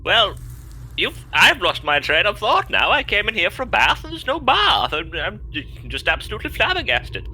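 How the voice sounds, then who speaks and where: A man voicing a pompous, flowery-mannered male goblin adventurer with a high, lively voice. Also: normal speed, slight background noise, exaggerated voice, rough recording. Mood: indignant. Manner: grandly polite, flowery.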